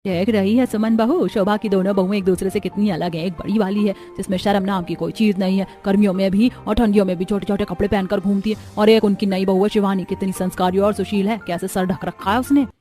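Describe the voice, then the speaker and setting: A woman's voice: medium pitch, fairly even intonation, fast, hardly any pauses, mellow, faint music behind, natural voice. A woman voicing a disapproving, gossiping older neighbor woman in a cartoon story. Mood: gossipy. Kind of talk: cartoon voice acting.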